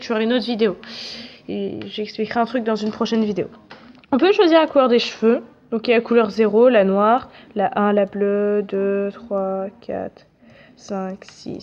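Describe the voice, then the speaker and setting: A young woman talks through her gameplay in a loose, chatty way, poking fun at herself and cursing casually when the game acts up. Her voice sits a little high. The recording is somewhat dull and lo-fi. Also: darkish tone. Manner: chatty, self-mocking, swears casually at the game. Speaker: gaming video creator. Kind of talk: casual let's-play commentary. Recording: dull, slightly lo-fi audio.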